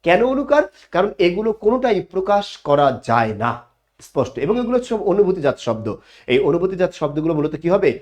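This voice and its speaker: A man's voice: high-pitched, big pitch swings, fast talker, a little mellow, highs cut off. A man teaching an online class, explaining grammar and answering his own questions. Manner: explanatory, asks questions and answers them himself.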